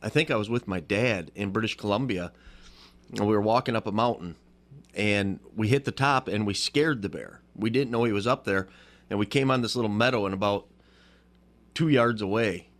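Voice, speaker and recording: A man's voice: lowish voice, moderate pace, fairly bright tone. A man hosting a radio talk show, easygoing, often answering with a short "yeah". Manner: easygoing, with frequent "yeah" backchannels.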